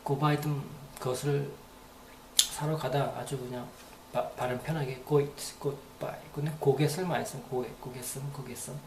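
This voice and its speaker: A man's voice: medium pitch, fairly even intonation, slow pace, echoey room, background noise. A man giving a casual, rambling spoken lesson, repeating phrases aloud to demonstrate them. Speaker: English teacher.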